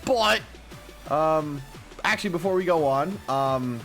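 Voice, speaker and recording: Man, gaming vlogger, self-deprecating rambler, morning voice cracking, slightly high voice. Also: expressive, measured pace, a bit bright. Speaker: gaming YouTuber. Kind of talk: casual gameplay commentary. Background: faint music stream.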